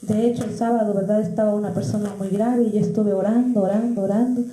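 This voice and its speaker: A woman's voice: mid-range voice, fairly even intonation, fast talker, warm tone, roomy sound, low-quality recording. A woman with a Mexican Spanish accent, preaching a testimony sermon in a storytelling manner, often calling out to her brothers in the faith. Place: church.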